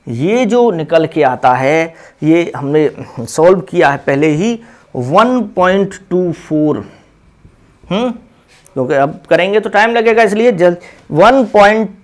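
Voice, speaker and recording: Chemistry teacher, male, high voice, unhurried, walks students through each step. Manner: slow, step-by-step explaining with repeated check questions. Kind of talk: blackboard lesson.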